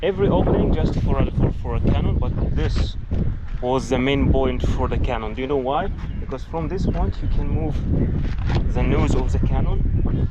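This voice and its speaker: A man's voice: mid-range voice, lo-fi sound. A man from Egypt, a travel vlogger giving a chatty walking tour outdoors on an old fort tower and explaining things step by step. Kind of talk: casual walking tour narration. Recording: loud outdoor wind and traffic noise.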